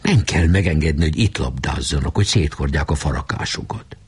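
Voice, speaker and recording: A man's voice: extremely low pitch, slightly rough, full character voice. A man voicing a scheming teenage boy who talks in a wheedling way.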